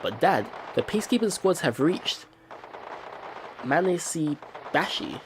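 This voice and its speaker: Slowly and with big pitch swings, a man with a slightly high voice reads visual novel narration for a let's play, adding informal exclamations. Game music plays, and there is some background noise as well.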